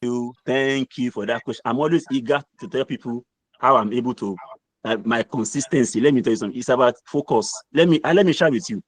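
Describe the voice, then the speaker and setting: This guest mentor is a middle-aged man with a Nigerian accent, pressing home his motivational advice with emphatic repetition, much like a preacher. He talks fast in a mid-range voice, captured on a dry recording.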